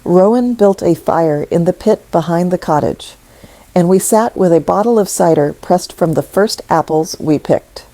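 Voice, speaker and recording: A woman narrating a scripted story in a slow, measured, softly emotional way. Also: fairly low pitch, dry recording, poor audio.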